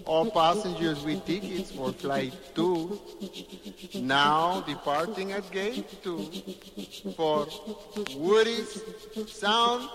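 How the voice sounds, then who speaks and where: A high-voiced man calls out a boarding announcement through a megaphone, heard through echo. His delivery is slow and formal, like a public-address call. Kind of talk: mock flight boarding announcement.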